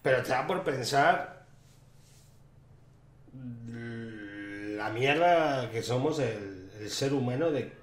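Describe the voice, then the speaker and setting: A man's voice: mid-range voice, lively intonation, takes it slowly, a little hiss or hum. A man with a Spain accent giving casual, colloquial and irreverent commentary while he plays a game. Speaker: gamer commentator. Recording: echoey room with loud game music.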